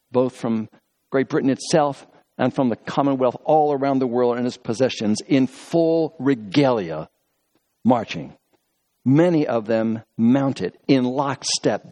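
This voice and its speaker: Preacher telling stories from the pulpit. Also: male voice, mid-range voice. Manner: storytelling, lively shifts between quick asides and slow emphatic phrases; reads scripture aloud within the talk. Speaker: pastor. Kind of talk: sermon.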